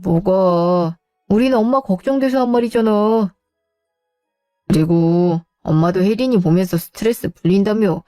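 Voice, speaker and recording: A self-pitying grown son, played by a woman in a radio drama, whining defensively about how hard his life is. The voice is mid-pitched with a dark, mellow tone. It sounds dry, with faint music behind it. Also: a little slow, no echo, close to an everyday voice. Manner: whiny, defensive complaining.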